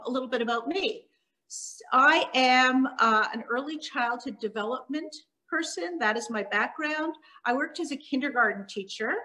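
A middle-aged woman from Montreal, a children's author, giving a talk from her living room over a laptop webcam, with frequent ums and pauses. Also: sits high, bright, forceful tone, low-quality recording. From Canada (Montreal), born in Hungary. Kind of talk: presentation on a video call. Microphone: laptop webcam on a video call.

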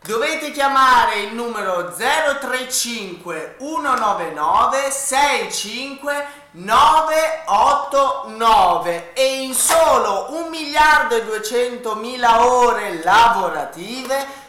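A young man playing a melodramatic diva saleswoman in a parody infomercial, emphatic and drawn-out. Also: very high-pitched, animated, pushed and bright, exaggerated voice. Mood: emphatic selling. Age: young adult. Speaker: infomercial co-host. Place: small bright room indoors. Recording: echoey room with faint hiss.

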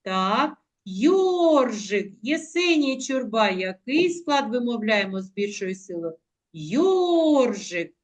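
Gentle woman teacher on a video call. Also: a little high, expressive. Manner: affectionate, coaxing, uses diminutives; slow, drawn-out word modelling. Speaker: primary school teacher. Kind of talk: online class teaching.

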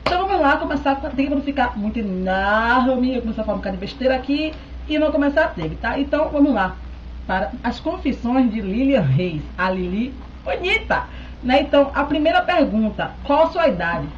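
A beauty vlogger in her thirties chats casually to a close-up webcam in a small room at home, answering viewer questions and keeping in touch. She's chatty and keeps checking in with "tá?". Her high, sing-song voice moves fairly quickly, with the highs cut off and slight background noise.

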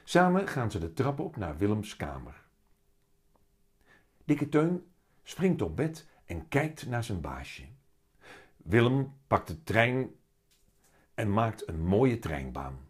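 A man reading a children's story aloud in a slow, lively storyteller's manner. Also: fairly low pitch, slightly rough. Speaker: children's book reader.

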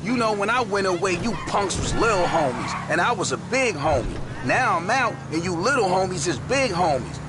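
A domineering ex-con gang veteran. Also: male voice, sits high, sing-song, normal speed, hardly any pauses, loud music behind the voice. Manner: lecturing, domineering. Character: older male gang veteran just out of prison, demanding respect. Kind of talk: video game dialogue.

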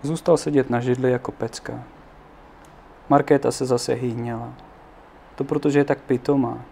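Man, gravelly, mellow dark tone, reading a storybook aloud, unhurried, casual asides. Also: mid-range voice, fairly even intonation, a little hiss or hum. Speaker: narrator. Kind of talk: reading a children's book aloud.

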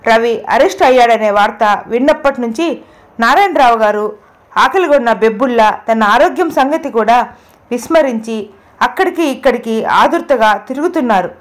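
A woman reading an audio novel as narrator, in an even storytelling manner. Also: a little high, moderate pace. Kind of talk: scripted narration.

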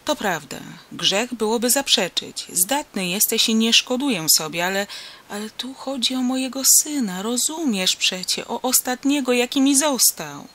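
A reader voices a stubborn old village miller, a grieving father with a grave, halting, wary way of speaking. The tone stays bright despite his years. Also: mid-range voice, animated, natural voice. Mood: pleading. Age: older.

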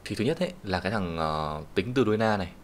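Low-voiced Vietnamese man teaching kanji. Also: animated. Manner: patient, explanatory, reads Japanese sentences slowly. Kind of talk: online lesson explaining kanji readings. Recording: faint background hiss and keyboard typing.

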